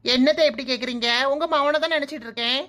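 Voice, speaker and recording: A woman's voice: sits high, fast talker, fairly bright tone. A woman doing a sassy cartoon daughter-in-law. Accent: Kanyakumari Tamil. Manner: sarcastic, talks to herself. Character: cheeky young daughter-in-law, lazy and sassy. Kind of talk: comic cartoon dialogue.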